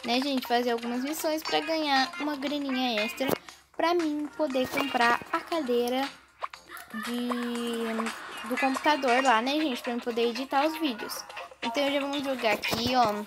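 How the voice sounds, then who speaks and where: A high, chatty female voice running through casual gameplay commentary, excitable and always turning to her viewers. She records without her usual microphone, over loud game music behind her. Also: normal speed. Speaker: gaming channel host.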